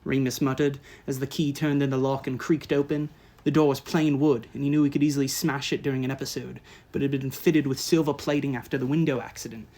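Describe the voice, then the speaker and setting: A man reading an audiobook in a steady, measured way, as narrator. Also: mid-range voice. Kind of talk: scripted narration.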